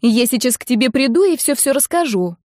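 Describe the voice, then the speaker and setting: Brief: brash excitable young woman , voiced by a female narrator, high and loud, teasing and impatient, dry audiobook read. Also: brisk, dry recording. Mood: brash excited.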